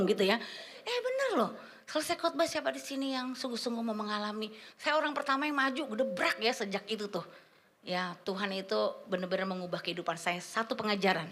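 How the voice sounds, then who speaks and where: A woman preaching a testimony sermon to a church congregation, animated and full of slang, calling the listeners "saudara". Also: a little high, slight background noise. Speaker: guest preacher. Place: church service before a congregation.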